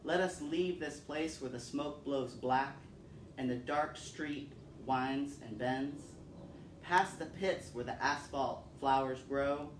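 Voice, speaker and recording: A man hosts a storytime, reading poems aloud and talking with children in a medium-pitched voice at a slow pace. The recording sounds roomy, captured by a distant mic with faint noise.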